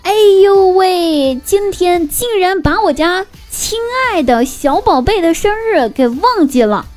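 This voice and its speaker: A nonchalant mother as a young female storyteller puts her on chats matter-of-factly in a comic anecdote. The voice is high and girlish, with casual, drawn-out phrasing over light music. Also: expressive. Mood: exclaiming. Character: breezy, matter-of-fact middle-aged mother.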